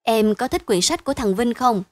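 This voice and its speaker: Steady older brother in a storybook, read by a woman: plain, reassuring, fairly high, dry. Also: normal speed, dry recording, natural voice.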